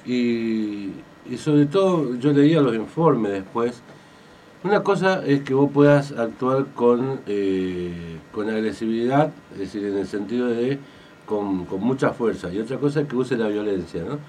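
A man with an Argentine accent co-hosting a radio talk show. He speaks deliberately, pausing often with fillers. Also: medium pitch, animated, warm tone. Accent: Argentine Spanish. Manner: deliberate, with many pauses and fillers. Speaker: radio co-host. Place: radio studio. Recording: distant mic with faint noise.

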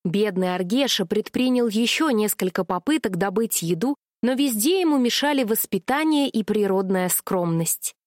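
A woman reading a children's story aloud with gentle, expressive narration. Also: medium pitch, normal speed, hardly any pauses, no echo, studio quality.

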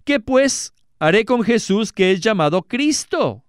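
A man voicing a stern Roman governor in a scripture reading, with a slow, raised questioning delivery. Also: high-pitched, lively intonation, clean tone, dry recording, studio quality, pitched above the performer's own voice.

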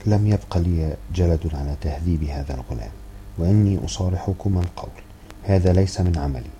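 A man reading an old grandmother's lines in an audiobook, giving her a sharp, scolding tone. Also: deep voice, brisk, a little hiss or hum. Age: older. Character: stern old grandmother, strict and fretful.

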